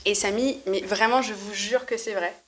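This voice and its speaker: A woman's voice: mid-range voice, normal speed. Slangy young woman telling a comic story. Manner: lively and slangy, acts out her own past thoughts. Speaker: guest storyteller. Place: live podcast recording before an audience.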